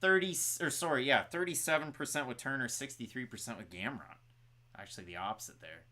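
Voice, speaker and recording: A man co-hosting a live fight watch-along, calling the action with excited play-by-play and reading out fan scores. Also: mid-range voice, fairly quick. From Canada. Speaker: co-host.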